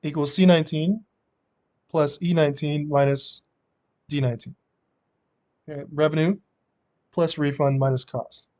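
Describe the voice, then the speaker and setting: A man teaching a software class step by step, dictating formulas piece by piece in a casual way. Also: fairly high pitch, fairly even intonation, normal speed, long pauses. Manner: casual, checking that learners follow. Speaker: instructor.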